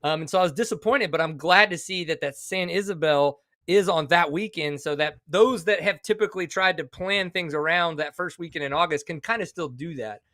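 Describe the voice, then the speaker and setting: A man in his forties, a podcast co-host, talking in an excitable, animated casual chat. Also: a little high, brisk, few pauses, no room sound, clean studio sound. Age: 40s.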